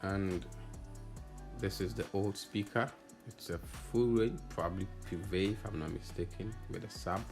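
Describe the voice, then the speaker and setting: A man who installs audio systems narrates his own project video casually and hesitantly, thinking aloud as he goes, over background music. His low-pitched voice is a little mellow, and he keeps a measured pace.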